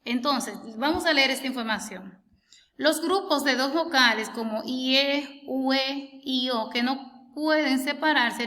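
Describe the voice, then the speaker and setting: A woman's voice: a little high, fairly bright tone, in a large hall. A woman teacher patiently explaining a homework lesson, stretching out words as she sounds them out and asking the listener questions. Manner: asks the listener rhetorical questions.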